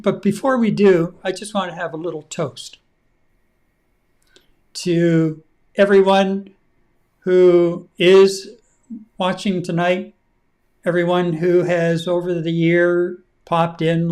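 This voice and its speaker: A middle-aged man co-hosting a casual talk show, relaxed and rambling with plenty of fillers. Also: sits high. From Canada. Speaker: podcast co-host. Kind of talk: casual chat.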